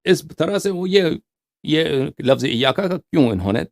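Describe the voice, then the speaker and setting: Man, religious lecturer, animated pitch, emphatic, slow recitation of quotes, rhetorical questions. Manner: emphatic, recites quoted passages slowly and repeats key words; asks rhetorical questions to the audience. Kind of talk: explanatory scriptural lecture.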